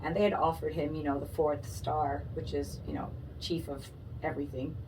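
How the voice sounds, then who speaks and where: Podcast guest: woman from Pakistan, lowish voice, playful and quick to laugh, mic a bit distant with faint hiss. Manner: lively, laughs often, playful asides. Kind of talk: casual interview chat. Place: podcast studio.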